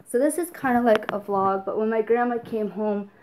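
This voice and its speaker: A woman's voice: on the high side, normal speed, background noise. A young adult woman vlogging casually, tearful and rambling, with lots of fillers as she tells a story.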